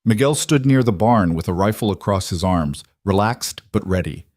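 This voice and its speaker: A man reading a western story aloud in a measured, even way. His voice sits on the low side, and the recording is dry and close with no room sound. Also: dry recording. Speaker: narrator. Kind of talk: scripted audiobook narration.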